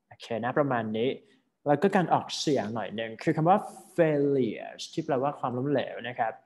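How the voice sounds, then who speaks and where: A man's voice: medium pitch, darkish tone. A man with a Thai accent coaching a student in a speaking class. He gives friendly feedback with many fillers and polite particles.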